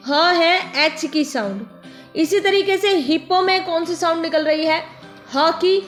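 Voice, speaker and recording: Slow, high-voiced woman teaching phonics. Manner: slow, patient, repeats words and asks questions back. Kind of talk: phonics lesson for young children. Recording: echoey room, faint music.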